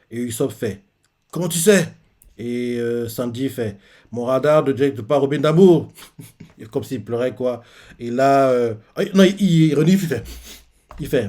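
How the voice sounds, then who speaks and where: A man chats casually while reading a manga chapter aloud. His voice sits at a middle pitch. He pauses often with fillers and rushes through the quoted lines in quick bursts. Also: a little mellow. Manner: hesitant, many fillers, reads character lines in quick bursts. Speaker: manga reaction host. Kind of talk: casual live reading and commentary.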